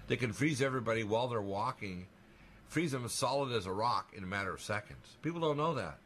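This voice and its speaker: A man talking on a radio talk show in a rapid, insistent monologue, emphatic and alarmist as he piles up claims. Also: medium pitch, expressive, fairly bright tone, slight background noise.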